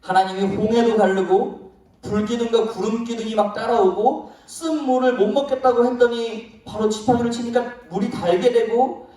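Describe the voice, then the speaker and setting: A man preaching a children's sermon in a church sanctuary, telling the story in a lively way and asking the children questions. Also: very high-pitched, moderate pace. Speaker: pastor. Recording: very echoey hall, voice from far off.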